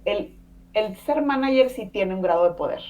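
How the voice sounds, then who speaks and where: In a relaxed podcast interview, a Mexican woman in her thirties, Spanish being her native language, chats away with plenty of fillers and tag questions. Her medium-pitched voice is warm and expressive, moving at a moderate pace. She's recorded on a distant mic.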